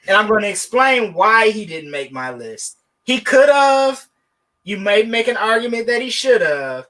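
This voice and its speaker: A man co-hosting a podcast, animated and joking, with sarcastic asides in casual sports debate. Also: high voice. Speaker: podcast co-host.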